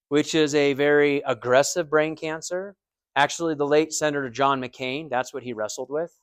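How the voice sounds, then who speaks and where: American male instructor, slightly higher voice, casual explainer, dry close sound. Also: smooth, dry recording. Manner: conversational, explains with everyday comparisons and check-in questions. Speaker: anatomy and physiology instructor. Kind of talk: recorded lecture.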